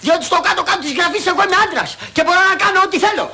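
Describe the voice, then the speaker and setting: A man's voice: extremely high pitch, sharp tone, slight background noise, heavily acted. An actor playing a brash, cheeky young man who argues hard for his sister's honor in a film comedy. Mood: defiant. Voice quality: quick, mocking, cocky delivery. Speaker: young man, protective brother. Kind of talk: 1980s film comedy acting.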